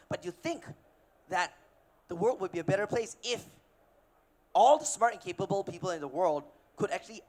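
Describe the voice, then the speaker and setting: A man in his thirties from Malaysia, giving a casual, energetic keynote on a conference stage with filler words and restarts. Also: high-pitched. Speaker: keynote speaker, investor. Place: conference stage before an audience.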